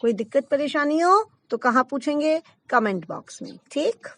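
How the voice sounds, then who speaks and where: High-voiced woman teaching grammar. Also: expressive, normal speed, fairly bright tone, dry recording. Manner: patient, explains step by step with examples and checks "ठीक". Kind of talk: Hindi grammar lesson.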